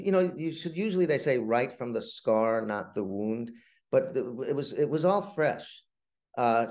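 With a medium pitch and a slightly mellow sound, a middle-aged playwright talks through stories in an interview, conversational but halting and digressive, repeating words often.

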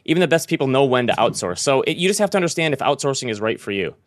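A man's voice: medium pitch, big pitch swings, rapid-fire, no echo. A man hosting a podcast in a casual, conversational style. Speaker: podcast host.

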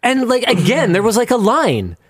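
A man co-hosting a talk show, speaking bluntly and swearing freely. His pitch swings widely, and the studio sound is dry and close. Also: huge pitch swings, normal speed, breathy edge, no room sound. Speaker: podcast co-host. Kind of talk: casual chat.

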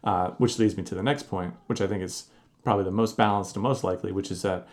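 A man co-hosting a sports podcast, explaining his views in a measured, dry way. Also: deep voice, fairly even intonation. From New Jersey. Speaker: podcast co-host. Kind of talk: casual sports podcast chat.

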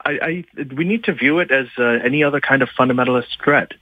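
A man guesting on a radio show by phone, speaking haltingly and thoughtfully, with lots of fillers and restarts. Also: mid-range voice, dry recording. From Pakistan, Libya and Saudi Arabia. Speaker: guest author. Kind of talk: phone-in interview. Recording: tinny phone line.

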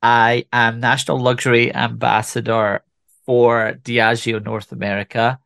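Gravelly man in his forties, faint Scottish. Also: mid-range voice, measured pace, dry recording. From Scotland. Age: 40s. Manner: relaxed storytelling with frequent restarts. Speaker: whisky ambassador guest. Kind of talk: conversational interview.

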